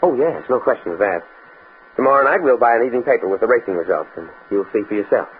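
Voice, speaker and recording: An actor playing an earnest, stuffy young academic in an American radio drama, speaking precisely and pedantically with an American accent. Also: male voice, medium pitch, expressive, fast, narrow, tinny audio, close to an everyday voice. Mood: confident. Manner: precise, bookish, stammers when flustered. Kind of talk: mid-century American radio drama acting. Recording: scratchy, band-limited old radio recording with noise.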